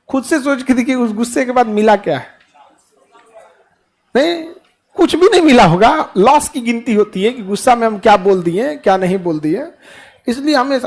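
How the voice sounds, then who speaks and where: A middle-aged man giving a classroom motivational talk to students, full of rhetorical questions and playful mimicked dialogue. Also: very high-pitched. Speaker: teacher addressing students.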